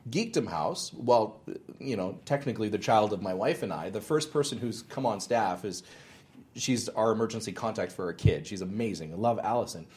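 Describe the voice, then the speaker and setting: A man's voice: fairly low pitch, animated, normal speed, darkish tone. A man in his thirties, a ministry founder, talking earnestly in an interview and telling stories with frequent restarts. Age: 30s. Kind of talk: interview conversation.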